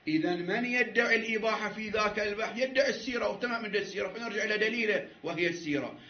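A man's voice: high voice, very fast. A man teaching a seminary jurisprudence class, arguing his point and restarting phrases as he goes. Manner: argumentative, repeats and restarts, laughs at times. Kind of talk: jurisprudence class lecture with debate. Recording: echoey room, dull lo-fi sound.

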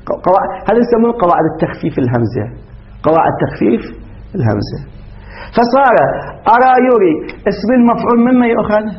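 Guy teaching a grammar class, talks fast, keeps asking the students, faint hiss on a dull recording. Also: sits high, animated. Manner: explains step by step, quizzes students.

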